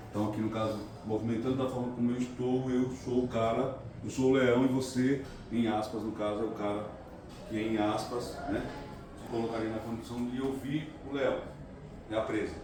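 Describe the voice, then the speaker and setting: A tired man giving a motivational talk to a class of students, filling his speech with "no caso" and pushing the room to answer him. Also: mid-range voice. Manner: constant filler "no caso", calls for audience answers. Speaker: recruiter speaking to students. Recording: very echoey room, distant mic, background noise.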